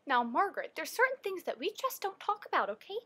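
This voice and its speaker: A woman acting out her mother as a patient, firm parent who speaks in a soft, measured, instructive way. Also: very high-pitched, very animated, pitched above the performer's own voice, full character voice.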